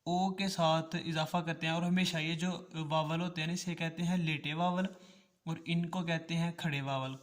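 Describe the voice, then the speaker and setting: Slow, patient male language teacher. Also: a little high. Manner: patient, repeats each syllable twice. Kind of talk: slow step-by-step language lesson.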